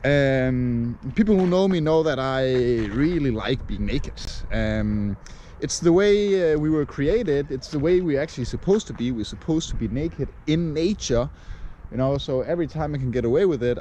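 A man from Denmark records a casual vlog outdoors, holding the camera at arm's length. He rambles loosely and fills his pauses with "uh" and "you know". His voice sits at a middle pitch, with a faint hiss behind it. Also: expressive, warm tone, dull audio. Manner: rambling, with frequent fillers. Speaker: vlogger. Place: outdoors on a chilly morning. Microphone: camera held at arm's length.

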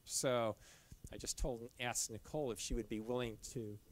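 There's a little hiss or hum behind this middle-aged man's medium-pitched, fairly even voice. Presenting for a caving club, he gives a casual slide talk in a dim lecture room, loosely and haltingly, restarting often and leaning on fillers.

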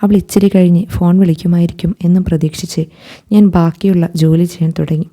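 A woman narrating a first-person story in a calm, even reading. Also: fairly low pitch, a little fast.

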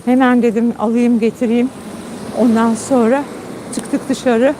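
A woman speaking a little slowly with fairly even intonation chats warmly with her phone live stream viewers outdoors in a garden at night, tired after a long trip. She calls her dog in high, coaxing tones, and background noise is audible.

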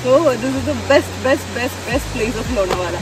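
This young woman, a travel vlogger, talks casually to her viewers, whom she calls "guys," while on a forest trail near a waterfall, sprinkling in English phrases. Her voice is on the high side and very slow. The recording is low quality, with music playing beneath her.

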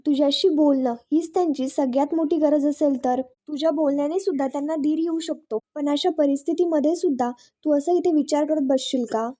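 A man's voice: very high voice, fairly even intonation, fairly quick, few pauses, warm tone. A woman voicing a supportive young man who urges his friend to call his wife. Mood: persuading. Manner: persuasive, encouraging.

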